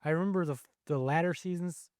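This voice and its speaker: Casting: male co-host, fairly high voice, rambling, self-correcting chatter, dry close sound. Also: fast, a little mellow, clear, resonant tone, dry recording. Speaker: podcast co-host. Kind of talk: casual chat.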